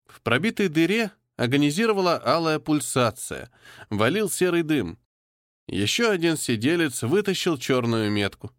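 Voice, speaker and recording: A man narrating a first-person audiobook in a steady, measured way. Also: fairly high pitch, no echo, studio quality.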